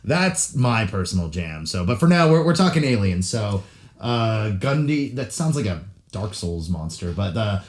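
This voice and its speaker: A man's voice: lowish voice, big pitch swings, normal speed. A young man from California co-hosting a podcast in casual chat, joking loosely with many fillers. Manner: loose, jokey, full of fillers. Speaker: podcast co-host.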